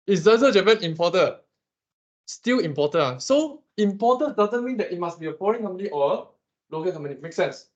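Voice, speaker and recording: A Malaysian man lecturing his class on economics, animated and teasing as he quizzes students. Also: high-pitched, lo-fi sound. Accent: Malaysian English.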